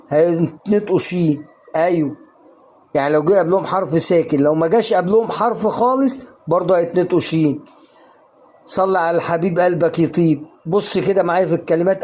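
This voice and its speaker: A young man with an Egyptian Arabic accent, teaching English pronunciation online in an energetic, coaxing way that asks and answers its own questions. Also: sits high. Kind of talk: online lesson to viewers.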